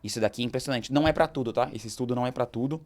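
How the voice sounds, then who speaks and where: A man's voice: medium pitch, rapid-fire. A Brazilian man hosting a talk show, speaking energetically about entrepreneurship and acting out little scenes as he goes. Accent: Brazilian Portuguese. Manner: energetic, gesturing, acts out quoted dialogue. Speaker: host.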